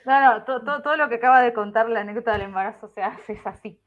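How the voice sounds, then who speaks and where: Brief: woman podcast host, expressive and chatty, higher voice, dull lo-fi audio. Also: fast. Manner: chatty, expressive, laughs easily. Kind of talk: casual conversation.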